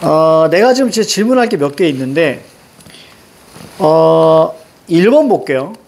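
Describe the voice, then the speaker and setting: High-voiced, brisk male lecturer. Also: creaky, a little hiss or hum. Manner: energetic, drills students with repeated questions. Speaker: teacher. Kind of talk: online lecture.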